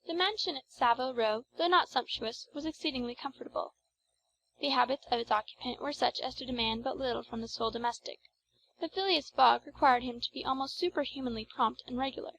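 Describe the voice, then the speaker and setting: A woman narrates an audiobook, delivering scripted literary text in a measured, formal storytelling manner. Her voice is high-pitched, gravelly, and fairly bright, and the audio quality is poor.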